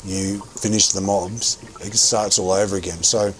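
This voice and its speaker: A man's voice: sits low, flat delivery, moderate pace, a bit bright, a little hiss or hum. A man streaming a game and chatting casually, thinking aloud with lots of restarts while chewing gum. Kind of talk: casual gameplay commentary.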